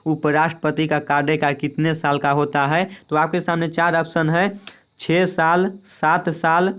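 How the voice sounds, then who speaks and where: Clear-voiced young man drilling quiz answers. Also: on the high side, little pitch movement, a little slow, fairly bright tone. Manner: repetitive, drilling each answer with "remember it well". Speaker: exam-prep teacher. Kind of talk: quiz lesson reading questions and options.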